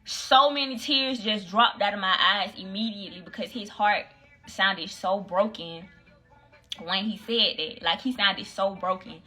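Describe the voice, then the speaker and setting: A woman's voice: medium pitch, measured pace, sharp tone, soft background music, low-quality recording. A young woman, casually telling a story on a phone livestream in slangy, candid talk. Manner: candid, slangy, acts out both sides of quoted dialogue. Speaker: livestream host.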